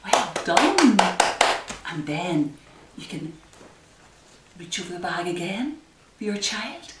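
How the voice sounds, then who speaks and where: At library story time, a woman with a lowish, sing-song voice leads small children in a nursery rhyme singalong, speaking slowly and offering simple instructions and encouragement. The room is echoey, the microphone distant, and the background noisy.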